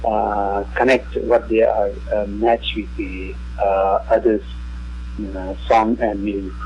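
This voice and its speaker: A man with a Tibetan accent, speaking halting, broken English as a musician guest in a radio interview. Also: on the low side, flat delivery, gravelly, dull audio, slight background noise.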